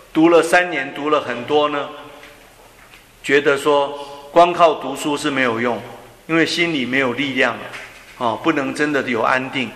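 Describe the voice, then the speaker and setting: A man giving a slow, gentle dharma talk on breathing meditation, often trailing off with soft drawn-out particles. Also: medium pitch. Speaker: Buddhist teacher. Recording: echoey hall with long reverb.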